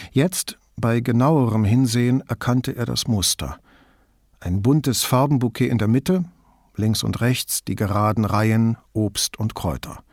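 A man narrating an audiobook in a calm, measured, even reading voice. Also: medium pitch, no echo, studio quality. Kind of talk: scripted narration.

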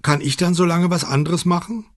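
A man's voice: high voice, steady tone, a little fast, no room sound, studio quality, pitched above the performer's own voice, close to an everyday voice. A man voicing a pushy, sulky teenage daughter who whines and insists. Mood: whiny. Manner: whiny, insistent.

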